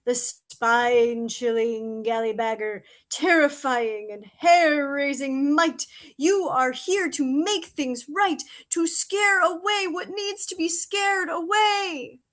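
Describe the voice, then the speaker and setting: Crow: high, slow-spoken bird, desperate and pleading, read by a woman. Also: a bit bright. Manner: pleading, breathless, grows frantic. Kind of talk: audio drama reading.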